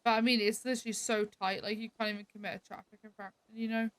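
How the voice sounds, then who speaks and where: Chatty higher-voiced woman role-playing. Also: level tone, quick pace. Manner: chatty, many "like" fillers. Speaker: streamer role-playing a character. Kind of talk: casual role-play chat.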